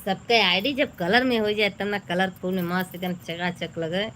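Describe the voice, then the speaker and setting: A woman's voice: mid-range voice, fairly even intonation, moderate pace, fairly bright tone, a little hiss or hum. A woman chats casually on a livestream, thanking viewers by name and teasing her daughter. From eastern Uttar Pradesh, India. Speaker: folk and devotional singer hosting a birthday livestream.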